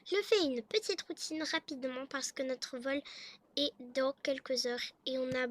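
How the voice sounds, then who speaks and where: A woman's voice: high-pitched, unhurried. A woman casually narrating a game role-play video and chatting straight to her subscribers.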